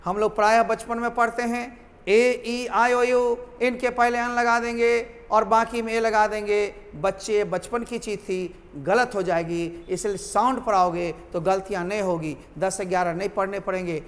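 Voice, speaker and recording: High-voiced male teacher in an echoey room. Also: fairly even intonation, normal speed. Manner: addresses students as "my children", repeats key points. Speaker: grammar teacher. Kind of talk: classroom grammar lesson.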